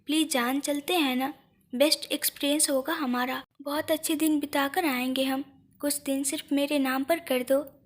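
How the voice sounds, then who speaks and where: A woman's voice: high-pitched, fairly even intonation, moderate pace, natural voice. A woman voicing a loving but frustrated young husband who pleads and mixes in English words. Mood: pleading.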